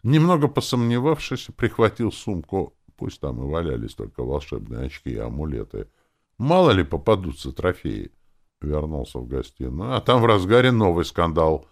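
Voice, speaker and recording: A man narrating a fantasy audiobook in the first person, wry and expressive. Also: a bass voice, moderate pace, creaky.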